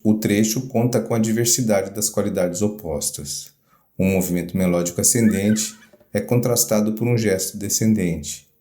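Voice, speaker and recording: A man narrating a scripted music theory lecture in a measured, deliberate academic way. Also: lowish voice, warm tone. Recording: roomy echo. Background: guitar music.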